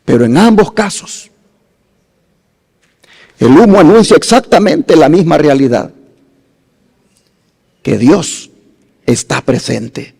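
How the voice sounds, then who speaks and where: A man preaching a sermon as pastor, slow and dramatic, rising to loud emphasis and dropping to hushed phrases. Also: fairly high pitch, lively intonation, vocal fry, husky, big-room sound.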